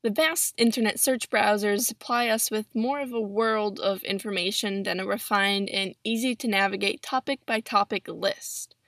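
This seventeen-year-old podcaster speaks in a medium-pitched, slightly bright voice at a moderate pace, rarely pausing. Hosting alone in a chatty manner, she records on a built-in laptop mic in a pillow-padded closet, and there's no echo.

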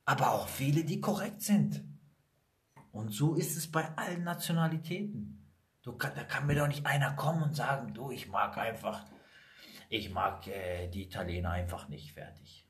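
A man from Italy, with Italian roots, tells stories from his own life in a casual conversation, bluntly and emphatically. His medium-pitched voice moves at normal speed, and his storytelling is animated.

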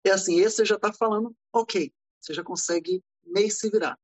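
A man from Brazil, a podcast guest, telling lively anecdotes in a casual way and acting out the dialogue. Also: sits high, fairly quick, no room sound, poor audio. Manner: animated, acts out dialogue in anecdotes. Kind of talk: casual storytelling. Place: living in California.

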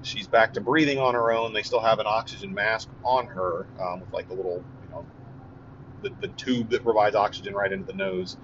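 A man giving a casual, earnest update, halting with many fillers and restarts. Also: fairly low pitch, fairly even intonation. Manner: earnest and relieved. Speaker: vlogger giving a family update. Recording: dull lo-fi audio with faint vehicle noise.

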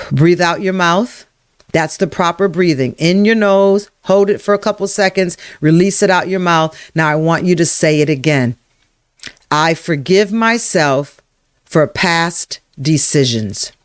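A workshop leader running a live self-help session, speaking to viewers by name, repeating affirmations slowly and guiding breathing exercises. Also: medium pitch, clear, resonant tone, no echo, studio quality. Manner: slow, emphatic, repeats affirmations and guides breathing. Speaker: emotional wellness workshop leader.

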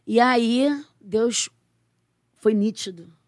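A Brazilian woman missionary sharing her faith story in a conversational interview, acting out quoted dialogue and turning soft when confessional. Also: fairly high pitch, very slow, no room sound, studio quality. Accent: Brazilian Portuguese. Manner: expressive storyteller who acts out quoted dialogue.

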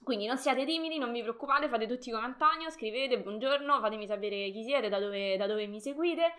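A young woman with a bright, forceful voice pitched a little high hosts a live stream in a casual, chatty way. She greets viewers, reads their comments aloud and laughs easily as she talks. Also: brisk.

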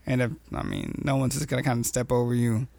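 A man's voice: mid-range voice, wildly swooping pitch, quick pace, gravelly, mellow, no room sound. A man in a casual chat, laid-back and agreeable, with slangy replies. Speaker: podcast co-host.

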